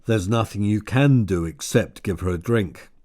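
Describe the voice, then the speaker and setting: A man's voice: lowish voice, normal speed, a little mellow, no echo, clean studio sound, lightly acted. A man voicing a rude, blunt middle-aged laborer in an audiobook. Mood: gruff. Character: gruff, rude middle-aged male plantation worker.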